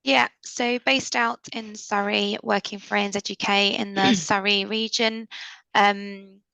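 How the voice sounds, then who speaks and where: Bright, gravelly-voiced woman in her thirties. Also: mid-range voice, little pitch movement, no room sound, poor audio. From Mexico. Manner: unhurried, easygoing, with ums. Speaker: recruitment consultant. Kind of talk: casual webinar introduction. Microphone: video call.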